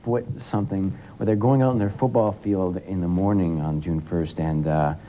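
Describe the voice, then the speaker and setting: A teenage student guest talking in a relaxed, rambling way with many fillers, heard through an old 1980s TV broadcast. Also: male voice, normal speed. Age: teens. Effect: old 1980s TV broadcast sound. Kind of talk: casual broadcast interview. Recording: dull lo-fi 1980s TV broadcast with faint rumble.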